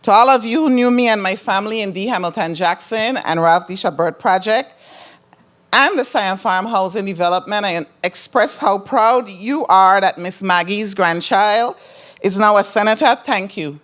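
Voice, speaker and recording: A woman's voice: mid-range voice, normal speed, a bit bright. Middle-aged woman with a Crucian accent. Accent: Crucian, Virgin Islands. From Saint Croix, US Virgin Islands. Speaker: newly elected senator. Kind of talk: ceremonial thank-you speech.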